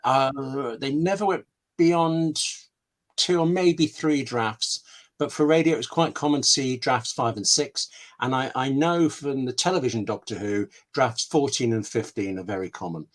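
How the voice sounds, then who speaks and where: On a video call from a home room lined with books, a man takes questions as a guest scriptwriter. He's conversational and unhurried, his voice medium in pitch, telling anecdotes and thinking aloud with asides and questions to himself.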